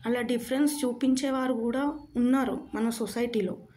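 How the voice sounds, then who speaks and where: A woman's voice: fairly high pitch, steady tone, normal speed, dark tone. A woman giving an earnest motivational talk to camera, asking her listeners rhetorical questions and mixing in English phrases. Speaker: motivational speaker.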